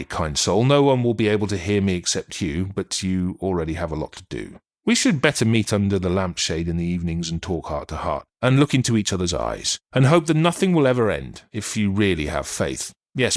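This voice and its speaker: A man reading as the melancholy spirit of a dead writer and doctor, rueful and apologetic in an audiobook. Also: low-pitched. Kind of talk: audiobook reading of a channeled letter.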